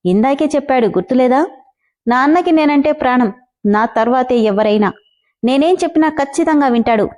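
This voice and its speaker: Obsessive young man who mocks and threatens, as a woman storyteller reads him; high pitch, mellow tone. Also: expressive, moderate pace. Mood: taunting. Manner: taunting, possessive.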